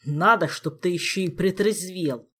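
A man reading an audiobook, voicing a gruff, hot-tempered nobleman who scolds loudly. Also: high voice, measured pace, full character voice. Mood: angry. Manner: loud, growling scolding.

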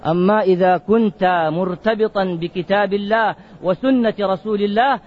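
A man's voice: high-pitched, moderate pace. A man scholar answering a religious question in a lesson, using rhetorical questions and emphatic repetition. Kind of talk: fatwa lesson. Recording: dull lo-fi recording.

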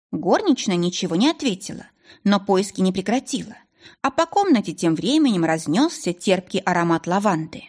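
Husky-voiced woman narrating an audiobook. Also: lowish voice, darkish tone.

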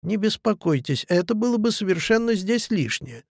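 A man's voice: sits high, sing-song, moderate pace, creaky, no room sound, clean studio sound, voice pushed up, full character voice. A man reading the lines of a bitter, touchy young clerk who answers in clipped, defensive retorts. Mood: defiant.

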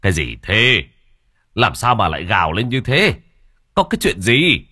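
A gruff old coffin maker who snaps and scolds, played by a male narrator. The voice rises above his usual low tone, loud and lively, with a husky grain. Close, dry audiobook sound. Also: a little slow, dry recording, full character voice. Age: older.

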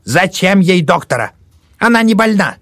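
A man voicing a shrill, superstitious old woman who scolds and whispers accusations. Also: animated, takes it slowly, husky, no room sound, studio quality, full character voice. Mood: shrill scolding.

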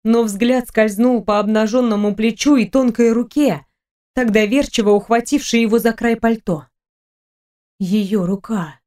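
A woman reading a romantic fantasy audiobook in a measured, gentle storytelling manner. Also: on the high side, fairly even intonation. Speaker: audiobook narrator. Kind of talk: scripted narration.

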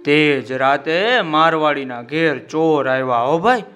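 Male children's storyteller: animated, bright and crisp, talks to listeners directly. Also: on the high side, measured pace, muffled recording, soft background music.

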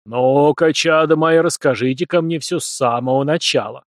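A stern old village priest, voiced by a man booms his rebukes in slow, drawn-out exclamations. The voice sits a touch above his usual pitch, heavy with reproach. The audiobook sound is dry and close. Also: no room sound, close to an everyday voice. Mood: coaxing.

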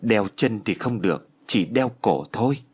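A man's voice: lowish voice, very animated, moderate pace, slightly rough. A man voicing a sneering, vengeful ghost. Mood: cold. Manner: mocking, sneering. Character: vengeful young male ghost, mocking and cold.

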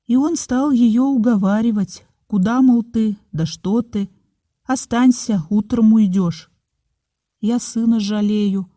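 A woman's voice: medium pitch, mellow, no room sound, clean studio sound. A woman voicing a talkative older village mother telling her story in folksy rustic speech.

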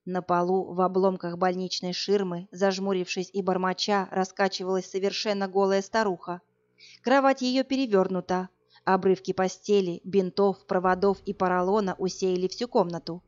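A woman narrating a fantasy novel in an even, measured storytelling voice. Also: medium pitch, dull audio. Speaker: audiobook reader.

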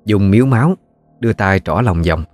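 A man with a Southern Vietnamese accent narrating a ghost story in a steady, folksy way. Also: lowish voice, moderate pace, faint music behind.

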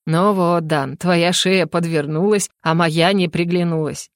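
A woman's voice: fairly low pitch, steady tone, a little slow, no room sound, clean studio sound, pitched below the performer's own voice, close to an everyday voice. A woman voicing a sarcastic male mage who teases and mocks. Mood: teasing. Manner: sarcastic, teasing.

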